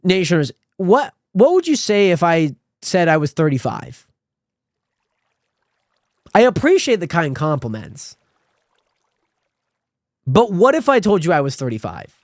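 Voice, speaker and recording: Twenties male streamer, rambling and friendly, high bright-sounding voice, dry close mic. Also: measured pace, long pauses, no room sound. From Spokane, Washington. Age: 20s. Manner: rambling, friendly, animated with sudden high pitch jumps. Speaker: livestreamer. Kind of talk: casual stream chat reading viewer comments.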